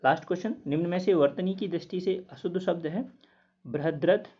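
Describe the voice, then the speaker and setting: A man working through quiz answers as a teacher, steadily repeating each word slowly to explain it. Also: high voice, warm tone. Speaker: Hindi test teacher. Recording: dull lo-fi recording.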